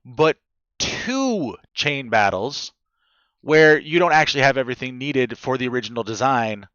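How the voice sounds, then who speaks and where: A man hosting a podcast rants with blunt, emphatic force and drops swear words freely. His voice sits at a middling pitch. The audio is dull and lo-fi, with a dry sound and no room echo. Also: expressive, moderate pace, fairly bright tone, clean tone. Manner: ranting, profane, emphatic. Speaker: podcast host. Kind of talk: casual podcast chat.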